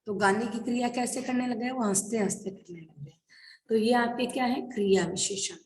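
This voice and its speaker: A woman's voice: on the high side, normal speed, darkish tone. A woman teaching an online class, explaining grammar by asking questions and answering them herself. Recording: echoey room with faint noise.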